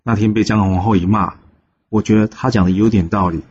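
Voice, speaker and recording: A man hosting a storytelling channel, narrating a classical tale in a lively way and lightly voicing the characters in quotes. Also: on the low side, fairly quick. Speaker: storyteller host. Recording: slightly dull recording with faint noise.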